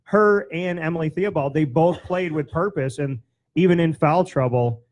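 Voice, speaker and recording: A man in his thirties hosting a casual sports talk show, chatty and animated, on a handheld mic in an indoor studio. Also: fairly high pitch, moderate pace. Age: 30s. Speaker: host. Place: indoor studio set with banner backdrop.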